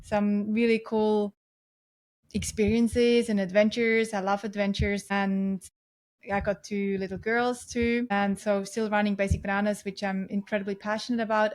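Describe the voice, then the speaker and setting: Chatty Swiss-accented woman telling her story. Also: medium pitch. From Switzerland. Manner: lively, laughs often, chatty. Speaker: podcast guest, entrepreneur. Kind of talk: casual interview storytelling.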